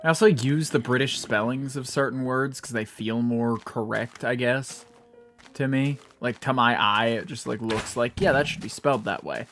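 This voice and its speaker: A young man with an American accent talks through his game stream in a loose, meandering way. He jokes at his own expense and swears offhandedly, at a mid-range pitch. Faint game music plays beneath him. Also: fairly even intonation, normal speed, fairly bright tone. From United States. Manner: rambling, self-mocking, swears casually. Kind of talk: casual gameplay commentary.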